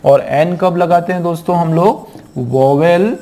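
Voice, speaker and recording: A man teaches English grammar in an exam-prep lecture. He explains patiently, often asks his students questions and reads the English examples out slowly. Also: fairly high pitch, warm tone. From India.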